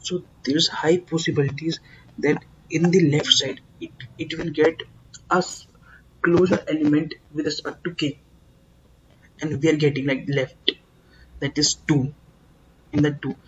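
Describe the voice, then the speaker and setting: A man teaching a coding lesson, explaining slowly and emphatically, repeating words and filling pauses with "uh". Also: on the high side, level tone, lo-fi sound, a little hiss or hum. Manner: slow, repetitive, emphatic explaining with many fillers. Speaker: programming tutor.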